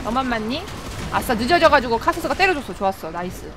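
A woman streamer chats excitedly through a game she is playing live, with a high voice that leaps up and down. She yelps and laughs as the action swings. Loud game music plays underneath. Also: fast. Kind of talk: live gameplay commentary.

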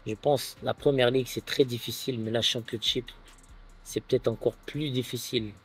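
A man in his thirties from France, a footballer guest chatting casually on an outdoor terrace, relaxed and full of filler phrases. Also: medium pitch, normal speed, breathy edge. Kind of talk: casual interview chat.

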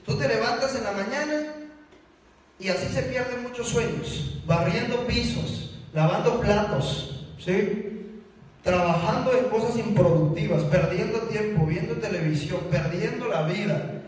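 A man giving an energetic live motivational talk, often turning to question the audience. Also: sits high, unhurried. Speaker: motivational speaker. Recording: echoey hall from far off.

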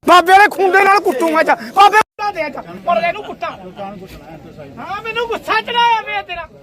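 Man, very high voice, theatrical bargaining banter, teasing broker, busy crowd behind. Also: expressive, normal speed. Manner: theatrical, rhyming, teasing haggler. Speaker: livestock market deal broker. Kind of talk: loud bargaining banter at a livestock market. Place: outdoor livestock market with crowd behind. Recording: noisy crowded outdoor market.

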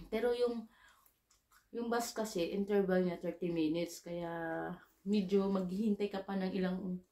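In an echoey room, a Filipino woman employed abroad as a domestic worker relates a casual anecdote and performs the lines she herself spoke. She's chatty and blends English with Tagalog, and her fairly low voice has a darkish tone.

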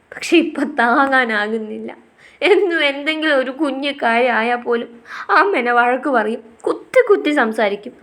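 Woman as a young wife, pleading and emotional, slightly high, audio story. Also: a bit bright. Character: shy young wife, hurt and tearful.

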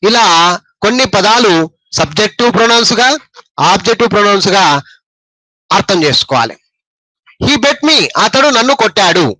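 High, bright-voiced teacher with a Telugu accent. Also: male voice, expressive, dry recording, rough recording. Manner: explains slowly, repeats words and quizzes the listeners. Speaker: spoken English teacher. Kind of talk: classroom grammar lesson.

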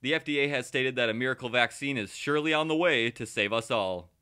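Parody news anchor, man acting, deadpan, earnest, medium pitch, satirical TV newscast. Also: quick pace, clean tone, lightly acted.

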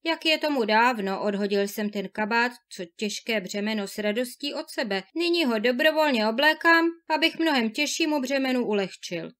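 A woman's voice: a little high, expressive, few pauses, fairly bright tone. A woman reading a fairy tale aloud, voicing a desperate, lovesick young husband with pleading outcries. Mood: anguished.

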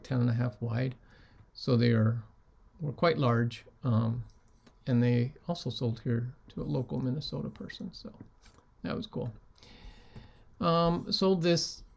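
Gravelly-voiced man chatting about resale finds. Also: medium pitch. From United States. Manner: relaxed, many ums, holds up items. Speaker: reseller showing sold items. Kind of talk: casual vlog talk.

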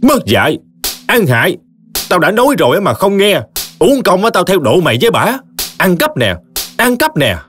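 A man voicing the ghost of a remorseful young man who has possessed his brother, speaking with a Southern Vietnamese accent in high, anguished bursts. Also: huge pitch swings, normal speed, a bit bright, faint music behind, full character voice. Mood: raging. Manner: anguished, high-pitched outbursts.

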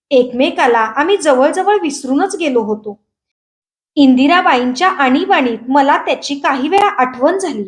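A woman reading a short story aloud in a steady, expressive storytelling manner. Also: high-pitched. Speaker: story reader.

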